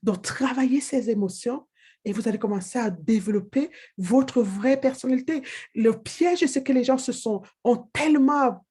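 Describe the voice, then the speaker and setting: A woman's voice: a little high, normal speed, warm tone, slightly rough. A woman giving a motivational training talk, emphatic and direct, repeating her key phrases to the listener. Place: living in England.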